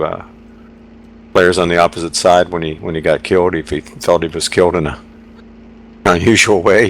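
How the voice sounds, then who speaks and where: An older man giving a heartfelt, halting eulogy over game voice chat, often restarting his sentences. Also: deep voice, fairly bright tone, slight background noise. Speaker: eulogist in an online game memorial.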